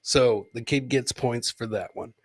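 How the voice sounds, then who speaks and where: Unhurried and fairly even in intonation, this medium-pitched host chats with viewers on his live comedy podcast. He casually comments on fail clips, often repeating what he just said.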